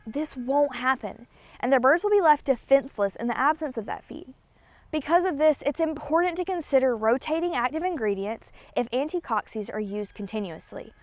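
A young woman presenting a scripted educational explainer outdoors in a wooded clearing, talking clearly and upbeat, step by step. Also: high-pitched, no echo.

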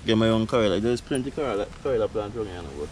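Showing off his backyard garden, this middle-aged man from Saint Vincent and the Grenadines keeps up a relaxed, chatty vlog in his Vincentian accent, using creole phrasing and laughing often. His voice is on the low side and his delivery rapid-fire, with a little hiss or hum on the recording.

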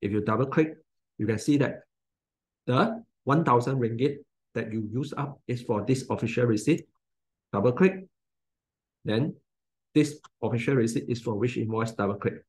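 A man in his forties with a Malaysian English accent, talking through a software tutorial in plain step-by-step instructions. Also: medium pitch, slightly rough. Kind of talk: screen-recorded software tutorial.

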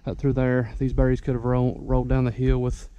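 A man's voice: mid-range voice, completely flat delivery, fairly quick, mellow, dull audio, a little hiss or hum. A young man, out of breath, giving folksy, rambling how-to tips outdoors on a wooded mountainside. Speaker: ginseng hunter vlogger. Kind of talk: casual outdoor how-to vlog.

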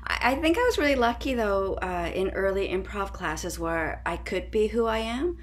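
Quick, laughing woman from Canada. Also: mid-range voice, lively intonation. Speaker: panelist, improviser and actor. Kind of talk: casual video call chat. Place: bright home room. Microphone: video call.

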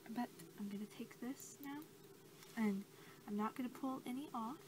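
In a small, cluttered indoor room, a young woman who makes ASMR content plays the role of a creature examiner. Her soft, halting voice is on the high side and frequently sinks into whispers, captured on a noisy amateur home recording.

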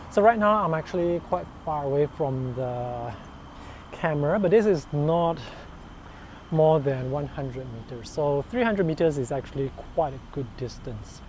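A man's voice: fairly high pitch, darkish tone. A middle-aged man giving an explanatory product review to camera outdoors on a clip-on mic. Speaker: gear reviewer. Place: outdoors in a park and garden. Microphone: wireless clip-on mic on chest. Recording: outdoor recording, faint ambient noise.

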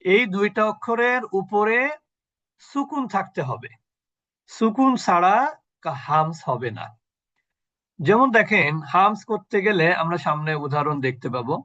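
A man's voice: high-pitched, expressive, a little slow, pauses often, bright, forceful tone, lo-fi sound. A man teaching a Quran recitation class online. He explains each point step by step, asking the class questions and then answering them himself. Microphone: video call.

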